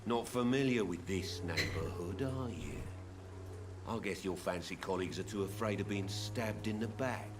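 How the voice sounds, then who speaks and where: A man voices a cocky, quick-tempered street fighter from a video game, with a lowish voice. He talks in clipped, dismissive lines, and game music plays clearly behind him. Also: natural voice. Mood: gruff. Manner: curt, rude, dismissive. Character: cocky short-tempered male street brawler.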